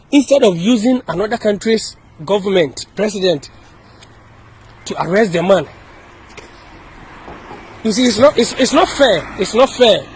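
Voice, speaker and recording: A man's voice: high-pitched, darkish tone, slightly rough, poor audio. A man from Ghana with a Ghanaian accent delivering an impassioned video message, repeating his points and often restarting his sentences. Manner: repetitive, emphatic, with many restarts. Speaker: activist speaking to camera.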